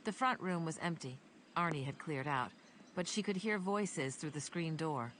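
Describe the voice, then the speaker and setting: Low-voiced woman reading a novel. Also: moderate pace, fairly bright tone, a little hiss or hum. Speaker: narrator. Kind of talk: audiobook narration.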